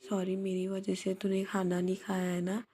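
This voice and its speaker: Woman playing shy young woman, soft and tender, mellow voice, plain storytelling. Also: mid-range voice, monotone, normal speed, natural voice. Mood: apologetic.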